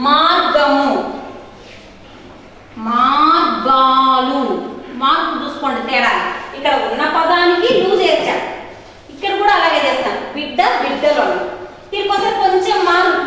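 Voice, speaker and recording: A woman from Andhra Pradesh with a Telugu accent, teaching a grammar lesson to young pupils, slow and patient, repeating each word for them to copy. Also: extremely high pitch, a bit bright. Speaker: school teacher. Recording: very echoey hall, voice far from mic.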